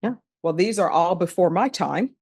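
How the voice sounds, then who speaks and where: A woman judge in a courtroom recording, formally reading case numbers and charges in a measured, procedural way. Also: lowish voice, expressive, a little mellow, husky, no room sound. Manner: measured, procedural, repeats formulaic questions.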